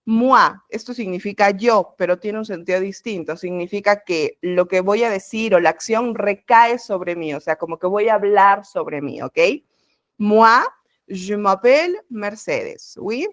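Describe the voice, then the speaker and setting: A woman teaches an introductory language class over a video call. She explains each point patiently and step by step. Her voice sits at a middle pitch, and the sound is close and dry, with no room echo. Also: moderate pace, hardly any pauses. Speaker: French teacher.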